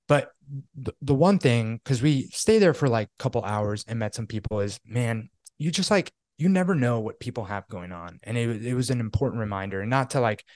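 A man's voice: lowish voice, dry recording, clean studio sound. A young man from New York, casually telling a story on a podcast with lots of fillers. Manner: animated storytelling, many fillers. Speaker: podcast co-host. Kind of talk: casual chat.

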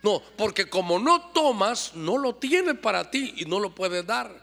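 A man's voice: high voice, big pitch swings, unhurried, creaky, fairly bright tone. A middle-aged man preaching a sermon as pastor, calling out to the congregation and drawing them into call-and-response. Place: church. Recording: long church-hall reverb.

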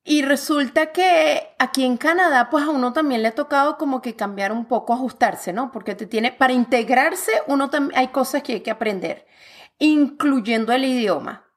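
A woman from Venezuela with a Venezuelan accent, speaking as a guest in a relaxed, expressive conversation. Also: high-pitched, moderate pace. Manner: lively, expressive, talks with her hands. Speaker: guest author. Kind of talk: casual conversation. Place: lives in Canada.

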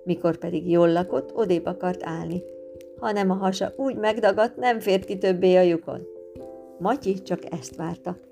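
A woman narrating a storybook tale in a lively, expressive reading, with guitar music behind. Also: on the low side, vocal fry.

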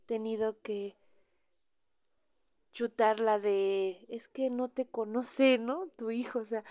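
A woman's voice: mid-range voice, no room sound. A middle-aged woman with a Mexican accent, chatting casually to other wives and often dropping into a whisper. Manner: chatty, animated, drops into whispers. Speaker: trucker's wife sharing experiences.

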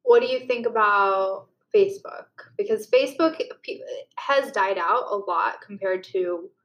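A woman's voice: medium pitch, fairly bright tone. A young woman co-hosting a podcast, talking casually in a slightly nasal voice, saying yeah often and laughing at herself. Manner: chatty, quick to laugh at herself. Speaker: podcast co-host.

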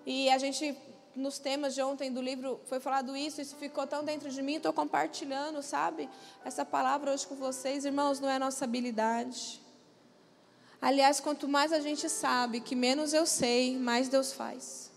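Woman, pastor, high voice, emphatic sermon, long church-hall reverb. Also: level tone, moderate pace, vocal fry, slight background noise. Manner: emphatic preaching, calling out to the congregation for responses.

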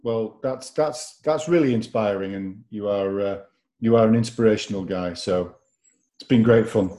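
A man's voice: on the low side, moderate pace, dark tone. A man hosting a casual interview, talking informally and somewhat hesitantly. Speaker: interviewer, host.

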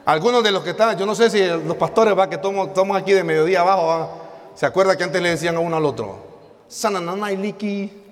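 A man, preaching an animated, joking sermon and calling out to his congregation in a church. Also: high-pitched, fast talker. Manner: animated, jokes, calls out to the congregation. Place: church hall. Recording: long reverb in a hall.

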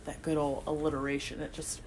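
A woman's voice: deep voice, completely flat delivery, brisk, a crowd in the background. A woman co-hosting a casual chat podcast, talking frankly and swearing casually. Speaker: podcast co-host.

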